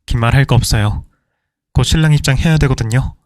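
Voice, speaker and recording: A man's voice: mid-range voice, brisk, no room sound, natural voice. A man playing a young groom who speaks curtly and coldly dismissive to an older woman. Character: cold, insolent young groom.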